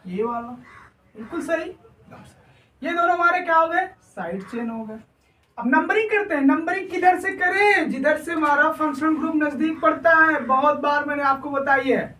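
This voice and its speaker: A man's voice: very high voice, pushed and bright, a little hiss or hum. A male chemistry teacher giving a classroom lecture. He keeps asking his students questions and answering them himself, often checking that the class is following. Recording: echoey room, voice far from mic.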